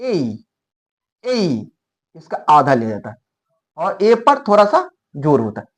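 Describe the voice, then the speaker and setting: A man with an Indian accent teaching English pronunciation, sounding out letters slowly and correcting himself as he goes. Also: a little high, huge pitch swings, fairly bright tone. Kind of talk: classroom pronunciation lesson.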